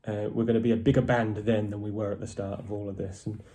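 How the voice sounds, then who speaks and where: A man's voice: lowish voice, level tone, fast, mellow. A man from a metal band, giving a casual, rambling video update to fans with many ums and restarts. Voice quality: posh-sounding voice.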